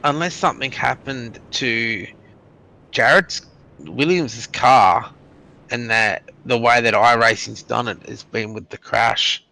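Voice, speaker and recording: A man's voice: medium pitch, takes it slowly, vocal fry, bright, forceful tone, dry recording, low-quality recording. A man giving live motorsport commentary on a sim race.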